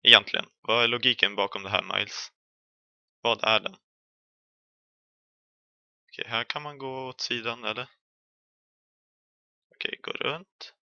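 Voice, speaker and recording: A man's voice: medium pitch, fairly even intonation, pauses often, bright, forceful tone, smooth, no room sound, dull audio. A young man with a Swedish accent giving chatty, jokey commentary while playing a horror game, yelping when chased. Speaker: gaming streamer.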